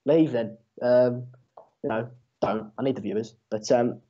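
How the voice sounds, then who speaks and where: During a football watchalong, a seventeen-year-old lad from England, Dutch by first language, trades casual, sarcastic, sweary banter with his chat. He has a mid-range voice with fairly even intonation and speaks a little slowly. The audio comes through a muffled lo-fi stream mic.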